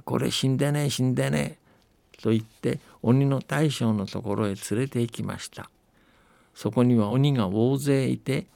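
A man on a radio show, chatting casually and then narrating a folktale in a gentle, unhurried way. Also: medium pitch, vocal fry, no room sound. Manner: gentle, unhurried conversational telling.

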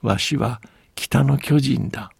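Guy doing a huge old north giant, big loud voice, huffs and puffs, gravelly, dry sound. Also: medium pitch, no echo, full character voice. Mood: booming. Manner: drawn-out blowing breaths, loud commanding voice. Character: huge ancient male giant of the north, slow and booming.

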